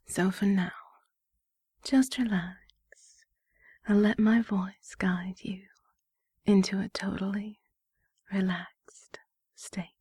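A woman whispering slow, soothing guided relaxation instructions as a hypnotist. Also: medium pitch, steady tone, dark tone, husky, no echo, studio quality.

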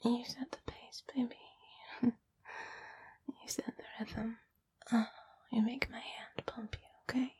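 A woman speaking in a soft, breathy whisper close to the mic, murmuring in an intimate roleplay. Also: fairly high pitch, flat delivery, takes it slowly, pauses often. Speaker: erotic audio performer.

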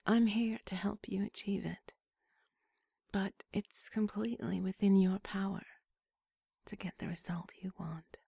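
A woman whispering a slow, soothing guided relaxation script in a breathy, hushed voice. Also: medium pitch, steady tone, no echo, clean studio sound.

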